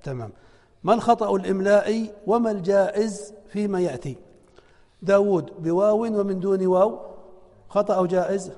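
A man's voice: high-pitched, warm tone, in a large hall. A man teaching a spelling lesson, reading out exercises and answering them himself. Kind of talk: classroom lesson.

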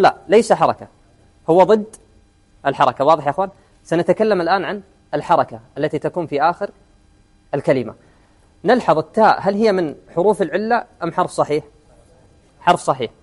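A man teaching an Arabic grammar lesson in class, often quizzing his students and repeating key words. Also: on the high side.

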